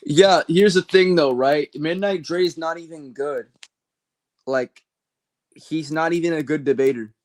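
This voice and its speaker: A man's voice: on the high side, a little slow, a little mellow. A man from California with a standard American accent, streaming casual commentary in a blunt, slangy way. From California, United States. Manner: blunt, slangy, heavy swearing. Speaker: livestreamer answering viewer questions.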